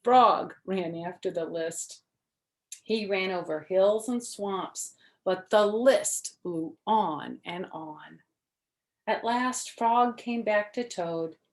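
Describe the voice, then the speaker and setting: Speaking slowly in a mid-range voice, a woman reads a children's story aloud with plenty of expression. She adds chatty asides, asks questions, and gives simple explanations for young listeners.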